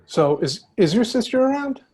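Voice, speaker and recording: A man playing an easygoing, slightly awkward high school boy, mild and hesitant, in a play reading. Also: sing-song, normal speed, a little mellow, husky, full character voice.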